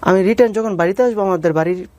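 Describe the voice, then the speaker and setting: A Bangladeshi man earnestly tells his life story in a personal interview, reenacting dialogue and deferentially calling the interviewer "sir." His voice is high-pitched and darkish in tone, he speaks at a racing pace, and the recording is dry.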